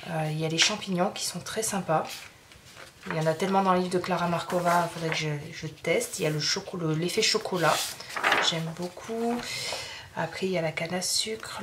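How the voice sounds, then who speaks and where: A woman's voice: fairly low pitch, very noisy. A French woman chatting casually through an art-supply haul video, rambling with many fillers and restarts. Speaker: craft youtuber showing art supplies.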